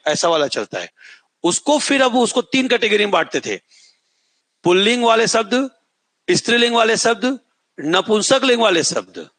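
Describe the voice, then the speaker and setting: A man's voice: high-pitched, fairly bright tone. A middle-aged male coaching teacher giving a classroom lecture, dictating notes, repeating key words and often asking students whether they remember. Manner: sings a film line as an example.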